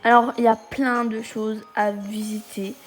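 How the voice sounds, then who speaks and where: A woman giving casual gameplay commentary in a chatty, halting way, often exclaiming at what she finds. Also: fairly high pitch, little pitch movement, faint music behind. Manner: halting, many hesitations. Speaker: gaming video creator.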